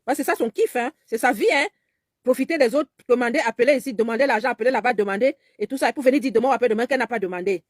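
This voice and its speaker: A woman with a fairly high voice vents her anger in a personal monologue. She is insistent and repeats her phrases, sometimes mimicking someone else's pleading tone. The sound is dry and close. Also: racing, dry recording. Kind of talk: angry personal video monologue.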